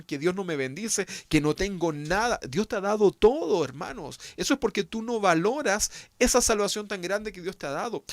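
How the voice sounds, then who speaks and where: A man's voice: high voice, no echo. A man pastor with a Chilean accent, preaching an emphatic sermon with rhetorical tag questions. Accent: Chilean Spanish.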